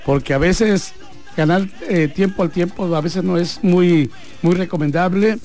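A man's voice: high voice, a little slow, a little mellow, faint music behind. A Mexican man hosting a sports radio show from a radio booth, chatting and reading out listener messages. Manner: chatty, reads messages aloud and adds advice.

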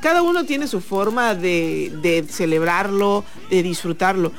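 A woman's voice: medium pitch, measured pace. A Mexican woman co-hosting a sports radio show in a booth, announcing the time and steering the talk. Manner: lively, leads the conversation and asks co-hosts questions. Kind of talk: radio talk about baseball.

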